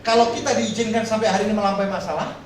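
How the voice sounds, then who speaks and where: High voiced pastor man preaching, jokey, keeps asking the crowd stuff, big echo, mic far off. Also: fast. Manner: joking, asks the congregation questions, lively delivery. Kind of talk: sermon. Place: church hall. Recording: echoey hall, heard from far off, noisy.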